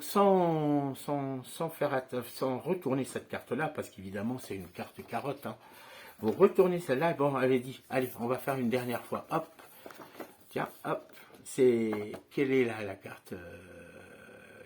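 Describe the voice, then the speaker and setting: A man's voice: mid-range voice, lively intonation, a little slow, a little mellow, a little hiss or hum. A man teaching a card trick step by step, in a chatty manner and often checking in with his listeners. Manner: conversational, frequent tag questions and fillers.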